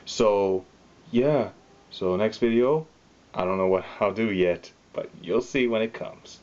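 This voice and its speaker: Relaxed man signing off a vlog. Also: lowish voice, slow pace, lo-fi sound. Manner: relaxed, chatty sign-off. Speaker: vlogger. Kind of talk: casual vlog narration.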